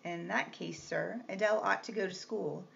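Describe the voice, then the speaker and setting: A woman's voice: mid-range voice, normal speed, vocal fry, a bit bright. A woman reading the part of a composed young governess, polite but firm and restrained. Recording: slightly muffled with faint hiss.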